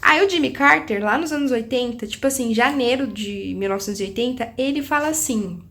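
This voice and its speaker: A young woman chatting casually about a book she is reading, talking in quick bursts full of restarts. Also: fairly high pitch. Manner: chatty, animated, many restarts and laughs. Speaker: book vlogger. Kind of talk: casual book review chat. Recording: echoey room.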